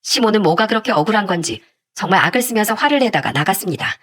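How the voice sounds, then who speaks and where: A woman telling a first-person story in a steady, plain-spoken narration. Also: mid-range voice, fast talker, breathy edge.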